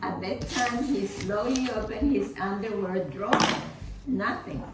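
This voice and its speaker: A woman's voice: medium pitch, measured pace. A woman reading a children's story aloud with dramatic emphasis, occasionally stumbling over the text. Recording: roomy, distant mic, noisy background.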